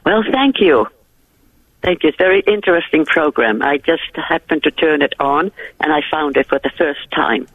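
Calling in to a radio show, a Finnish woman with a Finnish accent speaks earnestly and devoutly about her faith. Her deep voice moves at normal speed with no echo, carried over a tinny telephone line.

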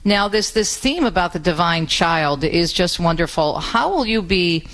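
A woman's voice: on the low side, lively intonation, moderate pace, fairly bright tone. A woman hosting a radio interview, encouraging her guest with friendly questions. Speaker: radio host.

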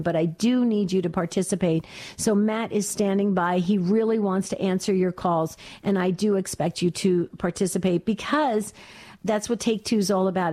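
An older woman hosts a faith call-in radio show, speaking at a middle pitch for a woman. She talks in a chatty, rambling way and keeps restarting her sentences. She grew up in New Jersey. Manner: chatty, warm-hearted, many restarts. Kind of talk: talk radio monologue.

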